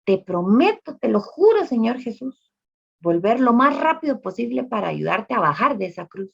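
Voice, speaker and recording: A woman's voice: fairly high pitch, very animated, moderate pace, creaky, husky, pitched above the performer's own voice, exaggerated voice. A woman voicing a desperate five-year-old boy who begs for a miracle in a pleading, urgent voice. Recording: dull lo-fi recording.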